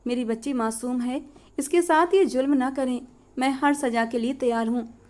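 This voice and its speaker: A woman's voice: high voice, moderate pace, a little mellow, natural voice. A woman playing a begging old farmer father. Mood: pleading. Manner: begging, pleading. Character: pleading older poor farmer father.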